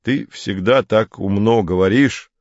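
A man's voice: fairly low pitch, a little slow, a little mellow, dry recording, dull audio. A man reading aloud, voicing a guilty fourteen-year-old boy who grumbles and defends himself. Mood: defensive, grumbling.

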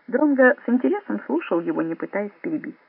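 A man reading a spy novel aloud as scripted narration, in an expressive, lively storytelling manner. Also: high voice, fast talker, gravelly, husky, dry recording. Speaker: audiobook reader. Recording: dry, phone-like narrow sound.

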